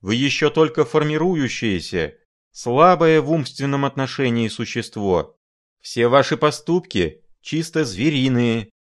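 A man's voice: medium pitch, lively intonation, a little slow, pitched above the performer's own voice, natural voice. Male reader doing a raised, furious elderly professor, imperious, lecturing hard. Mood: furious scolding. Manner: thundering, scolding tirade.

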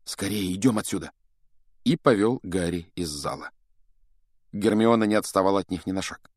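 A man reading a children's fantasy story aloud in an animated, expressive way and voicing each of its characters. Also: sits low, normal speed, no echo, clean studio sound. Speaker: audiobook narrator.

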